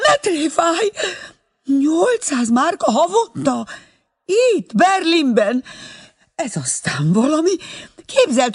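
A reader voicing an excitable elderly mother who exclaims in a high, flustered voice on a telephone call in an audiobook. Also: husky, exaggerated voice.

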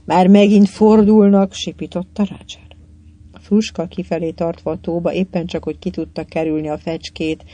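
An audiobook reader giving scripted narration in an even, measured way, lightly voicing the dialogue. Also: medium pitch, dull audio.

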